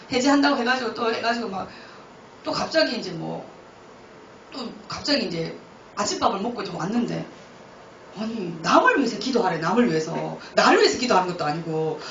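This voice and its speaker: A woman missionary giving a lively testimony, often laughing as she tells her story in a church. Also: fairly high pitch, a little hiss or hum. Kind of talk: testimony talk. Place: church hall. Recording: roomy, distant, dull church recording.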